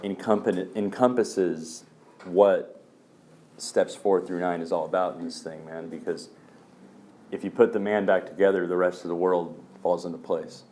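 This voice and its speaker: At a recovery meeting, a man tells personal stories in a loose, casual way, peppering them with "um" and "man." His voice is low-pitched and darkish, steady in tone, at a moderate pace.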